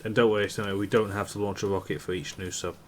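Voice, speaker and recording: A man's voice: fairly low pitch, flat delivery, fast. A man streaming a multiplayer game with casual commentary, upbeat when he thanks viewers. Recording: clear background noise.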